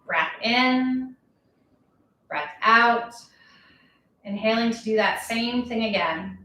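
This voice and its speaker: A woman instructor leading a yoga class, talking calmly and slowly with a gently playful touch. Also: fairly high pitch. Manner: calm, slow, gently playful. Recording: very echoey room, voice from far off.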